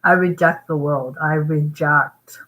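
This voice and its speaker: A woman from Vietnam talks straight to her vlog viewers in a low voice. She rambles and pushes her points hard, tagging them with "right?" as she eats. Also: steady tone, slow pace, a bit bright, low-quality recording. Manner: rambling, emphatic, with frequent "right?" asides; eating while talking. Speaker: vlogger. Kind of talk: casual talking-head vlog.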